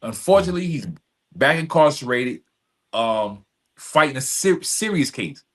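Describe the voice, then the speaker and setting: Very animated and on the high side, the man talks at a moderate pace during a lengthy podcast conversation. He tells his personal stories openly and emphatically, mixing in street slang and returning to the same phrases.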